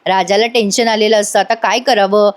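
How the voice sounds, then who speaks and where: A woman's voice: mid-range voice, steady tone, brisk. A woman hosting a casual voice-over recap, telling the story in a chatty way and speaking directly to viewers. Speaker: serial review host.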